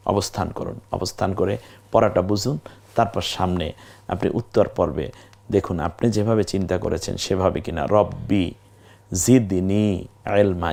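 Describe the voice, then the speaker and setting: Patient low-voiced man teaching Quran reading. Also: vocal fry, darkish tone. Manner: patient, addresses viewers directly, drawn-out practice syllables. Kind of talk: step-by-step recorded lesson.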